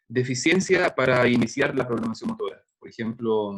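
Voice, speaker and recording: A middle-aged man with a medium-pitched, animated voice delivers a recorded university lecture on neuropsychology at a measured pace. His style is conversational, and he works through examples with frequent hesitations.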